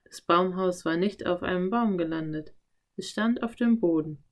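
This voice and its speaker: A woman narrating a children's audiobook in a calm, clear storytelling voice. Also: lowish voice, moderate pace.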